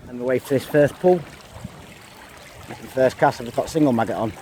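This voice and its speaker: An angler vlogger from England wades in a river on a windy bank, giving casual running commentary and counting each catch aloud. His medium-pitched voice is a little mellow and fairly quick, with flowing water and wind in the background.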